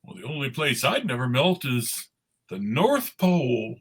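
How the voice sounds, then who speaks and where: A man voicing a cheerful, naive snowman who has come to life, with a raspy voice and innocent, exclaiming delivery, in a live cartoon script reading. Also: mid-range voice, wildly swooping pitch, a little slow, heavily acted. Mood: worried. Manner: wide-eyed, exclaiming, innocent.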